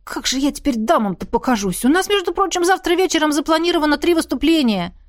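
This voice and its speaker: A man's voice: very high-pitched, brisk, a bit bright, dry recording, studio quality. A woman reading an audiobook, voicing a cheeky young male elf thief who squabbles indignantly. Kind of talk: audiobook character voice.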